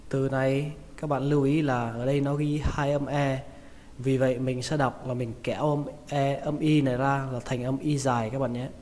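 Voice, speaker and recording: A man with a Vietnamese accent teaching English pronunciation, repeating each word slowly and stressing its syllables. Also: medium pitch, flat delivery, darkish tone. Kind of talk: pronunciation lesson. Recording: reverberant room with faint noise.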